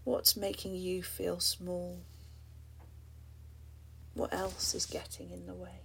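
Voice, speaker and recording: A woman reading rhyming spoken-word poetry aloud in a soft voice that often drops to a breathy half-whisper, at times turning to ask the listener reflective questions. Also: lowish voice, completely flat delivery, takes it slowly, a little hiss or hum.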